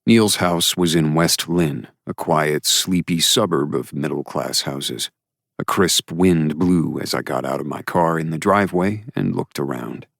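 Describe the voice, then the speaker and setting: A man narrating a first-person romance audiobook chapter in a measured, steady way. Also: a bass voice, creaky, dry recording, clean studio sound.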